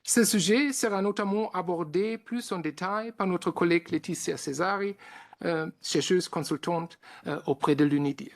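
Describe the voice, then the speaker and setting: A man's voice: high voice, moderate pace. A man with a German accent, an institute director giving formal opening remarks at a conference, reading with frequent hesitations.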